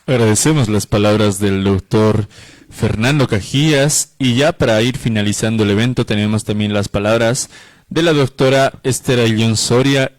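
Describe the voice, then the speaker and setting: A man's voice: lowish voice, no echo. A man moderating a book launch, formal and polite. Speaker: event moderator. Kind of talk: formal event announcing.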